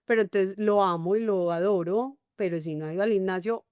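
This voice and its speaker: Woman, middle-aged, Colombian paisa accent, expressive interview guest, dry close sound. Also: medium pitch, fairly quick, clean tone, dry recording. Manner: animated, acts out little dialogues. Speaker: guest, enneagram coach. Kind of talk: conversational interview.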